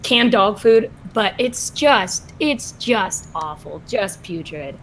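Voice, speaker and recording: A woman's voice: mid-range voice, lively intonation, slow pace, fairly bright tone. A woman streamer in a casual group chat, emphatic and swearing, often laughing. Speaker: guest streamer.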